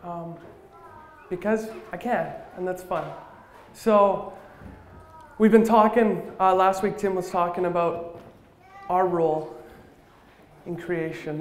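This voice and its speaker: A man with a high voice delivers a sermon as slam poetry, his lines landing in rhythmic, rhyming bursts. He speaks to a congregation in a church hall. The sound carries a noticeable echo from the room. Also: darkish tone, a little hiss or hum. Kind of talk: spoken word poetry sermon.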